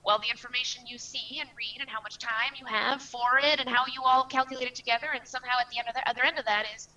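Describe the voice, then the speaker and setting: A woman hosting a casual video call conversation, talking quickly and lively. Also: a little high. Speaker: host. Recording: distant tinny phone-line sound.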